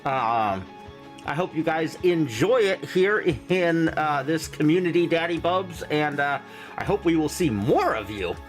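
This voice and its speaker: A high-pitched male streamer chats casually with his viewers at a slow, halting pace. His voice is muffled behind a mask, like speech with a hand over the mouth, with faint music playing behind him. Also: animated. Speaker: livestream host.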